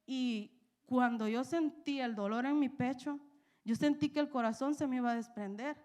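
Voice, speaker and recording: A young woman preaching in church. Her voice sits fairly high, and she tells her story with emotion, often checking in with "¿verdad?". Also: moderate pace, a little mellow. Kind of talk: personal testimony in a sermon.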